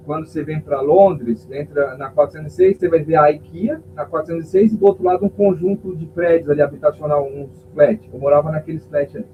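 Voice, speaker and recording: Pastor on a tinny line. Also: male voice, on the high side. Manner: vivid storytelling, acts out the voices of people in his story. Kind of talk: emotional testimony in a podcast interview. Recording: tinny phone-like sound with faint hum.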